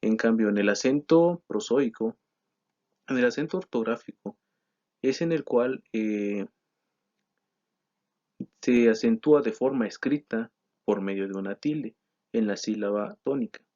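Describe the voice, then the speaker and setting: A man walks through a grammar lesson, reading from slides. His voice sits at a middle pitch. He keeps a steady explanatory pace, filling pauses with "eh" and correcting himself. The recording sounds slightly dull and lo-fi. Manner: steady explanatory delivery with frequent "eh" and self-corrections. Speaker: teacher presenting a grammar lesson.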